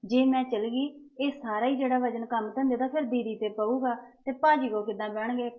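A woman playing a timid young bride in a home-made family drama. She pleads softly and anxiously in a fairly high voice, and the sound is thin and tinny, as though heard over a phone line. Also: natural voice. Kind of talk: amateur family drama acting.

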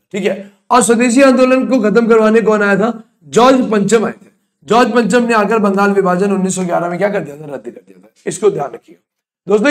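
A man coaches students for a railway exam in an online lecture. His voice sits high for a man. He fires questions at the class, answers them himself and scolds bluntly when students drift. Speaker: exam-prep teacher.

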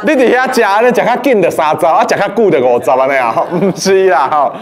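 High-voiced playful male teacher. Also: fast talker, a faint crowd. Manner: lively, playful, quizzing the class. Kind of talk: lecture to a class. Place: classroom.

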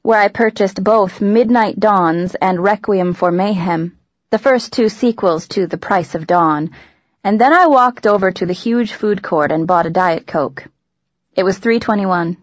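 Brief: female audiobook narrator, dry wit, mid pitch, dull and dead recording. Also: a little slow, no room sound. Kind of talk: scripted narration.

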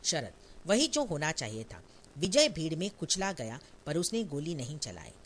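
A man's voice: fairly high pitch, wildly swooping pitch, moderate pace, slight background noise. A reader playing a wounded man in a stage play who speaks firmly and solemnly. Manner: firm, solemn speeches.

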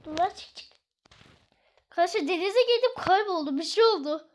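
Woman gamer, very high voice, chatty and excitable let's-play commentary. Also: moderate pace. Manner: excitable, chatty, exclaiming, scolding the game aloud. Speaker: gaming video creator.

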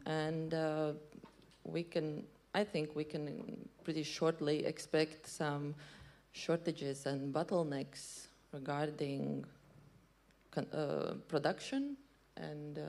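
A woman in her thirties speaking as a panelist on a stage, answering haltingly with pauses into a handheld mic. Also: low voice, warm tone. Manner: halting, many fillers and restarts. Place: stage in a large hall.

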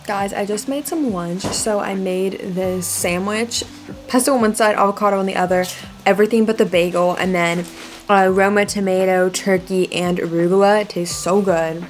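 A woman's voice: mid-range voice, steady tone, normal speed, faint music behind. A young woman chatting casually to camera in a vlog, filling her talk with "like", recorded on a handheld phone. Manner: chatty, constant "like" fillers. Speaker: vlogger.

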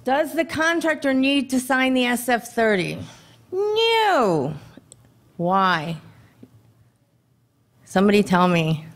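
A woman in her thirties speaks into a podium microphone at a conference. Her delivery is brisk and conversational, with rhetorical questions to the audience. Her voice sits in a middle pitch range. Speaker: government contracting presenter. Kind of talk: conference presentation. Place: dim conference hall.

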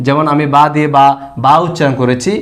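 A man's voice: fairly high pitch, fairly even intonation, quick pace. A man teaching a recorded pronunciation lesson for Quran reading, patiently drilling syllables over and over and answering his own questions. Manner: asks questions and answers them himself.

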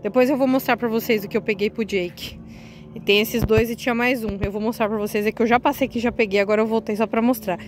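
A woman's voice: a little high, fairly even intonation, fast talker, rough recording. Woman vlogger, chatty and eager, handheld phone outside, faint street noise. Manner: chatty, eagerly addresses viewers. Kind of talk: casual vlog walkthrough. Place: outdoors on a residential street.

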